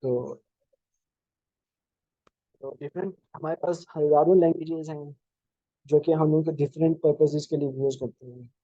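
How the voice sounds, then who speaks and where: A man giving a programming lecture, explaining slowly with many fillers and restarts, over a video call. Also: fairly high pitch, steady tone, warm tone, dry recording, dull audio. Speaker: programming instructor. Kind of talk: live online lecture.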